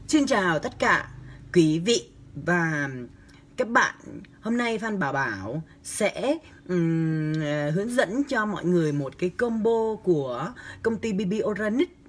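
A man's voice: high voice, a little slow, breathy edge. A young man, chatting on a livestream and answering comments in a campy, teasing way. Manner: chatty, campy and teasing, with lively exaggerated gestures. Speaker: livestream host. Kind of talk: casual livestream chat reading comments. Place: small indoor room. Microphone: phone camera at arm's length.

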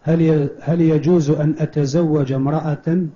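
A man's voice: on the high side, fairly even intonation, normal speed, dark tone. A man in a mosque reading the submitted questions aloud to a scholar in a plain, formulaic way. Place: large mosque. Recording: dull lo-fi mosque recording.

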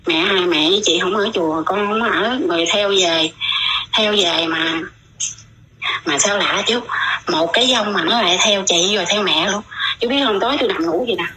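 A woman's voice: medium pitch, normal speed, bright, forceful tone, slight background noise, poor audio. A middle-aged woman, telling her own story in casual, rambling talk and often repeating her words.

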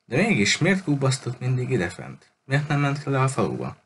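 A man reading the part of an excitable, curious young girl in an audiobook, with eager questions. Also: mid-range voice, a little hiss or hum, voice pushed up.

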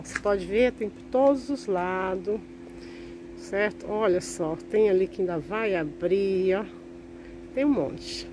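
A woman's voice: medium pitch, dark tone, a little hiss or hum. A woman from Brazil filming a casual vlog as she walks through a large orchid greenhouse. She keeps calling out to her viewers, gushing over each flower, recorded on a handheld phone. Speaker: orchid vlogger.

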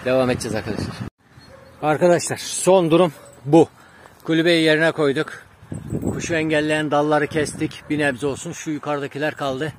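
A man's voice: fairly high pitch, steady tone, fairly quick. Chatty man vlogging in a noisy garden. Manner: chatty, addresses viewers as friends, shouts dog commands. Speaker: pigeon breeder vlogger. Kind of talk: casual vlog talk to viewers. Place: outdoor garden with dogs.

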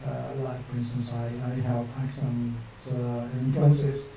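Slow, flat and gravelly, this mid-range voice comes from a map illustrator and channel host in his forties who chats and jokes to himself while drawing a map on screen at his home desk. His non-native English accent shows some northern English influence. The audio from a small room's webcam is very echoey, distant and faintly hissy, with a crowd in the background.

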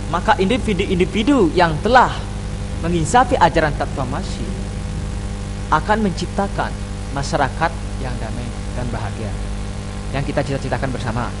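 A man in his thirties gives an earnest religious talk from a table in a small room, slowing down to chant scripture verses. His voice sits a little high for a man. A desk microphone picks him up, with a steady hum of traffic and engines behind. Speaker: panel speaker. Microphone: desk microphone on stand.

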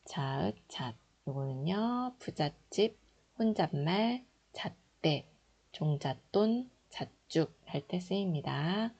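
A woman's voice: fairly low pitch, animated, takes it slowly, a little mellow, breathy edge. A woman teaching Korean reading and spelling, patiently explaining and repeating syllables aloud. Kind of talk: slow instructional explanation.

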